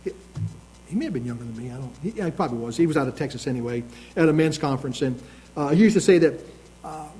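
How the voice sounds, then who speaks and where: A man preaching a sermon as pastor, moving from slow, emphatic scripture readings to conversational asides with restarts. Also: on the high side, lively intonation, dark tone, low-quality recording.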